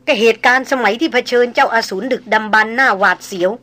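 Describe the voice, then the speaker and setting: A woman reading an adventure novel aloud with steady dramatic narration. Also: on the high side, fast.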